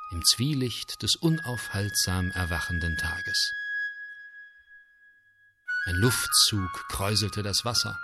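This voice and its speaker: A man narrating a storybook tale in an expressive, animated reading. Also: lowish voice. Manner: lively, animated reading with acted voices.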